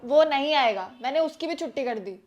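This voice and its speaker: A woman's voice: high-pitched, lively intonation, fairly quick, highs cut off, soft background music. A young woman acting as a thrifty wife who firmly lectures her husband about saving money in a scripted family skit. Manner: firm, persuasive, lecturing.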